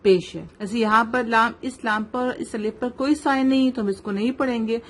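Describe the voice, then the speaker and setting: A woman with a Pakistani Urdu accent teaching tajweed in an online lesson, slowly modelling recitation and checking with the student. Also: on the high side. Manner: slow, careful modelling of recitation, checks with "right?".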